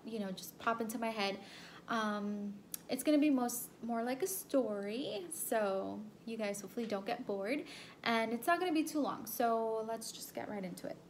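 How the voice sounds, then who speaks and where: A young adult woman from El Salvador, a vlogger, tells a personal story to camera in a fairly high, fairly bright voice. She's chatty and rambling, with many ums and repeated phrases, and there's a little hiss or hum in the recording.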